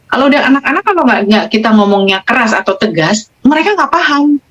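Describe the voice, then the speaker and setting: A woman, guest on a casual podcast, telling stories with animated, emotional delivery and acted-out quotes. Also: fairly high pitch, quick pace. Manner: animated, emotional, quoting patients in dialogue. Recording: dull lo-fi sound.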